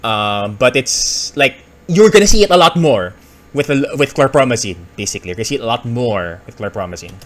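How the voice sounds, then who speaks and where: A man's voice: medium pitch, lively intonation, brisk. Man explaining and thinking aloud. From Philippines. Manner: thinks aloud, hedges and corrects himself. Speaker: pharmacist reacting to a video. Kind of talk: casual explanatory commentary.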